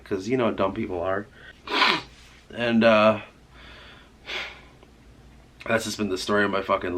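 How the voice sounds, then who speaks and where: A man's voice: fairly low pitch, fairly bright tone. A man with a stuffy nose and sore throat, rambling and swearing casually in a vlog. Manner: rambling, heavy swearing, many "like"s. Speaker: writer vlogging.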